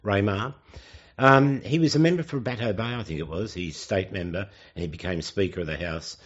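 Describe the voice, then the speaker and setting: An elderly Australian man in his seventies with a low voice, reminiscing for an interviewer. He speaks haltingly, pausing and correcting himself as he recalls his life. The recording is dull and lo-fi. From Sydney, Australia. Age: 70s. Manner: halting, with hesitant pauses and self-corrections. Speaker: oral history interviewee.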